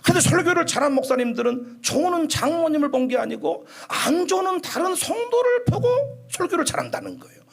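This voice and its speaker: A man preaching an animated sermon as pastor, shouting at times and acting out quoted voices. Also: extremely high pitch, a little fast, vocal fry, few pauses. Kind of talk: lively sermon.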